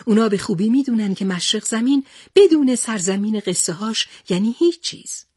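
A woman's voice: a little high, animated, a little mellow, husky, no echo, studio quality. A woman voicing a brave male sea captain who speaks steadily and reassuringly. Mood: steady.

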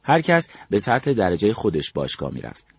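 A man's voice: lowish voice, wildly swooping pitch, husky, dry recording, studio quality. An older man from Iran recounting his memories as a storyteller, acting out the dialogue he quotes. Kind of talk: spoken memoir narration.

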